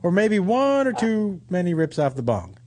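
A man with a high voice hosts a casual phone-in show. His delivery swings widely in pitch, and he is blunt and profane, often repeating a phrase to drive it home. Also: very animated, normal speed, a little mellow. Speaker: talk show host, comedian.

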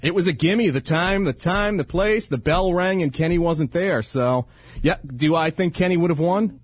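A man's voice: on the high side, moderate pace, breathy edge, no echo. A man co-hosting a podcast, chatting casually and teasingly, often repeating a phrase. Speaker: podcast co-host. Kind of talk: casual banter.

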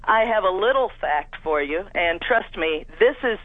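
A man's voice: high voice, expressive, moderate pace. A man from Missouri calling in to a radio show, earnest, friendly and chatty. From Missouri, USA. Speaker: caller. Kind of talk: call-in talk. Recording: muffled phone line.

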